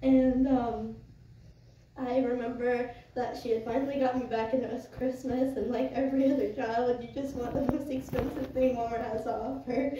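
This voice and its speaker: A young woman giving a personal eulogy to mourners, speaking tenderly and informally, with halting pauses. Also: fairly high pitch, steady tone, mellow. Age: young adult. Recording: echoey room, distant muffled mic, noisy.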